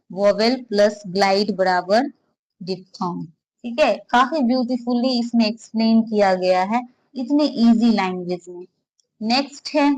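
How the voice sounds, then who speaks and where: Slow, repetitive woman teacher, high voice. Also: poor audio. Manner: explains slowly, repeating example words aloud for learners to copy; mixes Hindi with English terms and reads English lines slowly. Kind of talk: exam-prep lesson.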